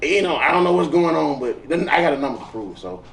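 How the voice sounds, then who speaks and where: A man's voice: a little high, big pitch swings, fast talker, vocal fry, crowd noise. A man hosting a casual chat show, joking and laughing often and boasting about himself. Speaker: host. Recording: echoey room, far from mic, faint noise.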